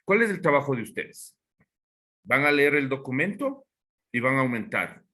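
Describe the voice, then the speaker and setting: Bright-voiced male teacher. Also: mid-range voice, big pitch swings, normal speed. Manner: explaining, checking understanding with questions. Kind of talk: giving class instructions.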